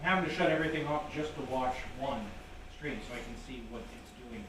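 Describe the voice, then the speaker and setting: Man, off-mic, uneven volume, somewhat high pitch, casual. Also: fairly quick, a bit bright, a little hiss or hum, rough recording. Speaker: crew member checking the stream. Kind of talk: casual chat.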